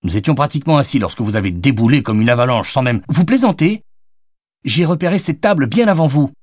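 A man voicing an exasperated, sharp-tongued young woman in an audiobook, with cutting indignant retorts. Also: medium pitch, expressive, quick pace, dry recording, clean studio sound, voice pushed up, close to an everyday voice.

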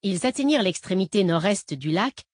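A woman reading a novel aloud in steady, measured scripted narration. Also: mid-range voice, no echo, clean studio sound. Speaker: audiobook narrator.

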